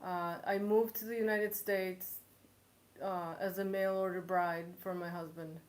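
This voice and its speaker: A woman's voice: lowish voice, little pitch movement, unhurried. A woman in her forties from Poland, hosting a live cooking show Q&A, chatty and joking, laughing often. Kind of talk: live-stream Q&A chat. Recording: echoey room.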